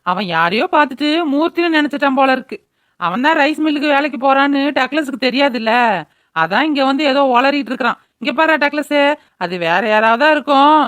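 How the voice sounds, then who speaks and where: A woman's voice: high-pitched, lively intonation, brisk, a bit bright, dry recording. A woman voicing a weary, scolding older mother-in-law in a cartoon, worn down by her drunkard son. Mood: anxious. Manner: scolding, world-weary, anxious. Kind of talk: cartoon voice acting.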